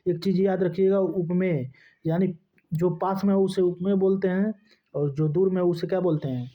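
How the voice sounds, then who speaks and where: Man, teacher, fairly high voice, asks and answers own questions, muffled lo-fi recording. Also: fairly even intonation, normal speed. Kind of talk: Hindi grammar lesson. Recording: dull lo-fi recording.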